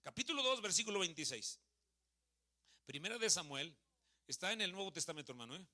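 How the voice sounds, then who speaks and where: Preaching in a church hall, this man in his thirties has a high-sitting voice and talks a little fast. His accent is Mexican Spanish, and his lively manner includes questions and jokes aimed at the congregation.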